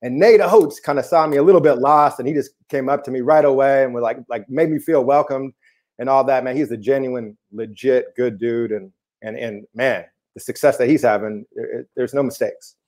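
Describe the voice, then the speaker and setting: At a moderate pace and with a mid-range, darkish voice, a man who coaches basketball in the Seattle area, USA, chats and shares stories on a video call. His manner is easygoing, he laughs readily, and "man" comes up often.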